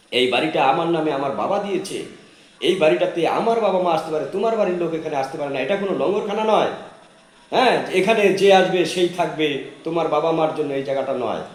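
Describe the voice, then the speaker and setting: A man voicing a proud, sharp-tongued young wife who scolds in a raised, shrill voice. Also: close to an everyday voice. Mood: scornful. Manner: raised pitch, shrill scolding, fast rants. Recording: roomy echo, faint background noise.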